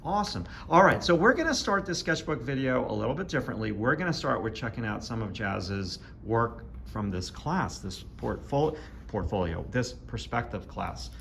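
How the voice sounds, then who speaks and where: A man's voice: medium pitch, big pitch swings, moderate pace, creaky, few pauses, fairly bright tone, a little hiss or hum. A man hosting a casual interview in a classroom as art teacher, gushing with praise. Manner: enthusiastic, effusive praise. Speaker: art teacher and video host. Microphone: handheld camera, no tripod.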